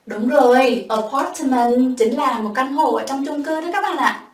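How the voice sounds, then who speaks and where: A woman English teacher giving a bilingual classroom vocabulary lesson, saying words slowly and clearly for pupils to repeat. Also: sits high, distant mic. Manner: slow drawn-out repetition of words for pupils to copy. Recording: echoey room, voice from afar.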